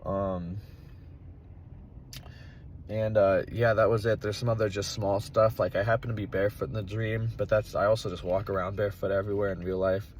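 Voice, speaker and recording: A man's voice: on the low side, flat delivery, brisk. A young adult man casually rambling through his recollections, hesitant and puzzled, with hazy, trailing thoughts. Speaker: vlogger keeping a dream journal. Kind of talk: casual rambling recounting of dreams. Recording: dull audio with loud vehicle-like outdoor noise.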